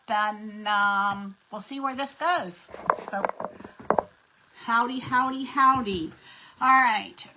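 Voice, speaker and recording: Slow, bright-voiced woman greeting viewers. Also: on the high side, rough recording. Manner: chatty, greets viewers by name. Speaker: craft live-stream host. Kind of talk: casual live-stream chat. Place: home craft desk.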